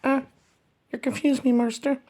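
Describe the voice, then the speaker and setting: A woman's voice: sits high, little pitch movement, moderate pace, mellow, breathy edge. A woman in comic banter playing an eager, childlike servant, deferential yet teasing.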